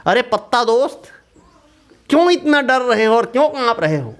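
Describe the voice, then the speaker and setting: A man's voice: extremely high pitch, sing-song, normal speed. A man voicing a cheerful, loyal male clod of earth in a children's story, hearty and reassuring.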